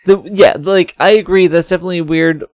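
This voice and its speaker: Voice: mid-range voice, steady tone, a little fast, darkish tone, no echo, clean studio sound. A podcast co-host chatting casually about a TV episode, rambling with lots of "like" and frequent laughs. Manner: rambling, heavy on "like," laughs often. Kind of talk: casual chat reviewing a TV episode.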